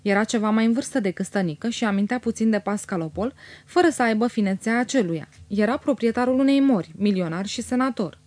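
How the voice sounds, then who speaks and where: A woman narrating a classic novel in a measured, descriptive way in an audiobook recording. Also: a little high, darkish tone, dry recording. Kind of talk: scripted literary narration.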